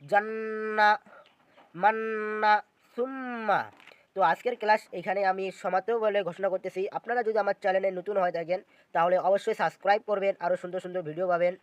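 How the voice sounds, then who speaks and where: A man's voice: high voice, flat delivery, rapid-fire, no room sound, highs cut off. A man teaching Quran reading, spelling out letters and syllables one by one and repeating them in a patient lesson. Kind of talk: slow step-by-step recitation lesson.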